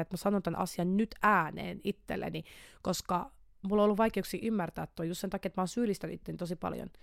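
A woman's voice: fairly low pitch, dry recording, studio quality. Candid young woman on a podcast. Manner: animated, restarts and repeats words, mixes English words into speech. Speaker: podcast host. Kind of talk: candid personal podcast monologue.

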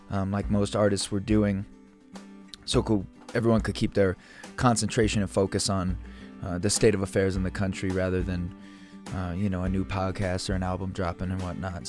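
A man hosting a podcast, talking in a relaxed, loose way with many fillers and restarts. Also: lowish voice. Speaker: podcast host. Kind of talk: casual podcast chat.

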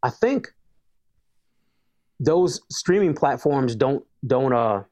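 A man's voice: mid-range voice, expressive, slow, darkish tone. Laid-back man, emphatic and repetitive. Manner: laid-back, emphatic, repeats words when starting. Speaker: hip hop artist guest. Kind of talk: casual interview chat.

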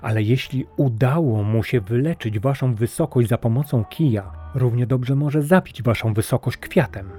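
A man's voice: medium pitch, moderate pace, few pauses, dark tone, faint music behind, natural voice. A man voicing a suspicious, jealous royal vizier in a storybook tale, speaking in a guarded, insinuating way.

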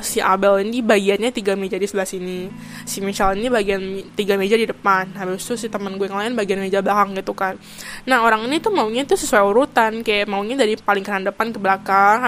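A woman's voice: mid-range voice, fairly bright tone, a little hiss or hum. A young woman, rambling through a heartfelt personal story in a casual venting podcast.

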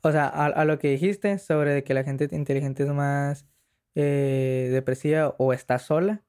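A man's voice: fairly high pitch, fairly even intonation, unhurried, a little mellow, smooth. A young man, hosting a casual, slangy conversation as the interviewer.

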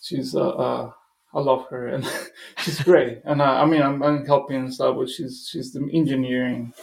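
A man's voice: medium pitch, flat delivery, moderate pace, vocal fry, a little mellow, roomy sound. A man from Costa Rica, a musician guest, talking loosely and eagerly in a casual interview. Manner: loose and enthusiastic, full of "like" and "dude".

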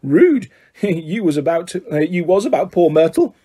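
A man's voice: sits high, big pitch swings, moderate pace, warm tone, slightly rough, heavily acted. A man voicing a sly, teasing male poltergeist prankster in a storybook reading.

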